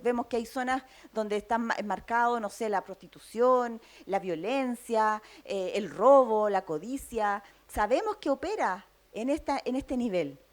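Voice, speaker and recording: A woman with a Chilean accent preaching a sermon, teaching in a steady tone and often checking in with her listeners. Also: a little high. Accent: Chilean Spanish. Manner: teaching tone, frequent tag questions.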